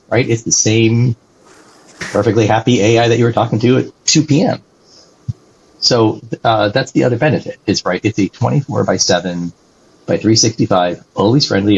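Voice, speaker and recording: A company executive appears as an interview guest, answering conversationally and explaining things with animation. His lowish voice has a breathy edge, and he tags sentences with "right?". The lo-fi recording sounds dull.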